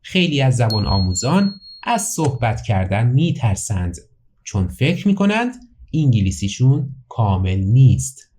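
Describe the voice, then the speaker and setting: Man teaching English slowly, lively pitch. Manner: reads English slowly and clearly, then translates quickly into Persian. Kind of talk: bilingual language lesson, slow English then Persian translation.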